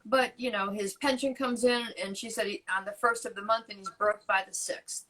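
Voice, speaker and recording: An American woman co-hosting a live chat, earnest and sympathetic, halting with fillers as she reads a message aloud. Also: mid-range voice, steady tone, pushed and bright, far from the mic, low-quality recording. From United States. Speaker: co-host.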